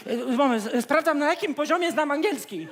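A man's voice: extremely high pitch, animated, fairly quick, fairly bright tone, a little hiss or hum. A man in a stage comedy sketch, playing a flustered office worker who stammers and bluffs his way through.

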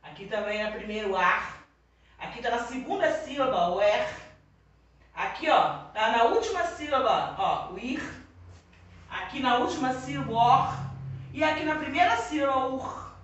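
A Brazilian woman teaching young children, dictating words slowly one at a time. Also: on the high side, lively intonation, fairly bright tone, far from the mic, lo-fi sound. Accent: Brazilian Portuguese. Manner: slow, drawn-out word-by-word dictation. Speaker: primary school teacher. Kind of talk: online class for young children. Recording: echoey room, voice from off-mic.

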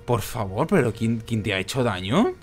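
A man's voice: on the low side, big pitch swings, moderate pace. A young man with an accent from Spain commentating his game, ranting in exasperation and swearing often. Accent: Spanish from Spain. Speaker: gaming YouTuber. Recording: game sound and music behind.

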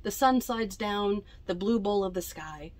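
Among library bookshelves indoors, a woman in her twenties reads a picture book aloud at storytime, expressively and with chatty asides. She speaks directly to the young listeners. Her mid-range voice is unhurried.

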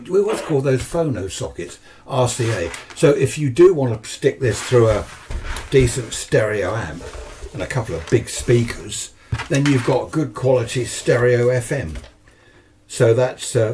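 An older man in his 60s or 70s speaks with a medium-pitched, darkish voice and a southern English accent, with slight background noise. As an amateur radio hobbyist presenting a video, he chats casually from a cluttered indoor radio workshop at home. The demonstration is unscripted, rambling with little asides and questions he poses to himself.

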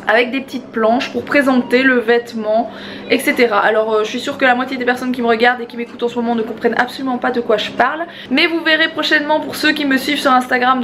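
A woman's voice: a little high, slight background noise. A woman in her twenties with a slight lisp and slushy sibilants, chatting casually to a handheld camera as a vlogger at home. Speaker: family vlogger. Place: small room at home. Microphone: camera held at arm's length.

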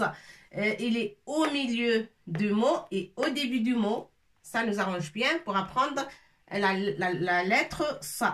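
A woman's voice: medium pitch, bright, forceful tone. A woman teaching letters at a board, patiently repeating each sound and checking in often. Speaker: Arabic teacher. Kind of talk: slow whiteboard language lesson. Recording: voice from a distance.

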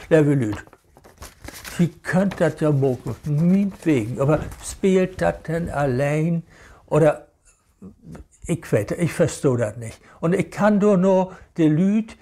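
A man with a Hamburg Low German accent, talking in a casual, rambling monologue and sounding indignant. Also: dark tone. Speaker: vlogger.

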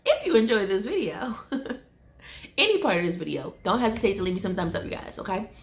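Woman vlogger, 30s, casual and rambling, some vocal fry. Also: medium pitch, very animated, a little fast. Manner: chatty, loose and self-correcting, laughing at herself. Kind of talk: casual vlog talk to camera. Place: indoor room with window blinds. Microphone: camera in front of her.

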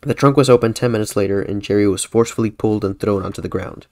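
Man reading a horror story, low voice. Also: quick pace, darkish tone. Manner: casual, self-correcting reading. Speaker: podcast host.

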